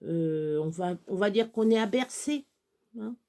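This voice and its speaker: Slow, mellow woman spelling words. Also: mid-range voice, expressive. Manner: spells words letter by letter, chatty asides. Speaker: children's storyteller. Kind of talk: casual reading and spelling lesson for children.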